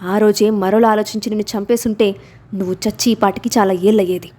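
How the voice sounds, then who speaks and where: A woman's voice: mid-range voice, steady tone, brisk, mellow, close to an everyday voice. A woman voicing a cold, vengeful young man in a storybook reading, speaking sternly. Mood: accusing. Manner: stern, accusing.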